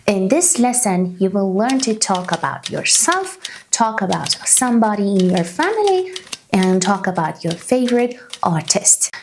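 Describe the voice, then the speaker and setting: Woman in her 30s, ESL teacher, slow and clear, sing-song pitch, bit of vocal fry. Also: a little mellow, a little hiss or hum. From Canada. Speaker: English teacher. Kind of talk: slow beginner English lesson. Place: small room indoors.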